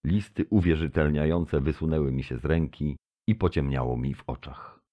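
A man reading a story aloud as an audiobook narrator, telling it in a measured first-person way. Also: extremely low pitch, dull audio. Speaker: audiobook reader. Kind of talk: scripted narration.

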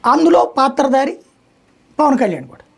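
A woman's voice: high voice, sing-song, vocal fry. A woman speaking as a political analyst guest in a debate, arguing with examples and proverbs. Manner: fast, argumentative, explains with examples and proverbs.

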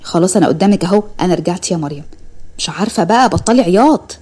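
A woman playing a gentle young man in an Egyptian Arabic accent, soothing his family with soft, tender words. The voice is mellow and husky and runs along quickly in a storybook tale. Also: on the low side, animated. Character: gentle, successful young man, loving brother and son.

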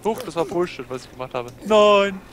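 A man's voice: a little high, expressive, quick pace. A man playing a co-op game, griping sarcastically about technical trouble. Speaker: co-op player. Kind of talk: casual gameplay commentary.

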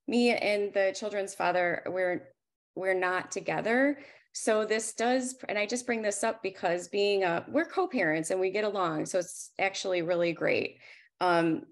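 A woman in her forties presents her photography work on a video call as an informal slide presentation, speaking candidly and conversationally. Her voice is mid-range and creaky.

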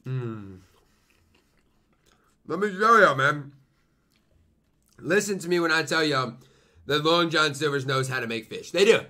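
A man's voice: a little high, expressive, unhurried, long pauses, bright, forceful tone. A young man giving a casual food review to camera, talking emphatically and repeating himself for effect. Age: young adult. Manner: talks while eating, murmuring appreciative mms. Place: small room at home, indoors.

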